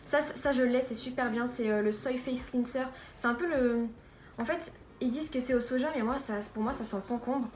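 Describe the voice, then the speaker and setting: A young woman with a slightly high voice chats casually through a beauty haul, full of fillers and trailing restarts. She is recorded at home in an echoey room with a steady noise behind her. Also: brisk. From France. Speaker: beauty vlogger.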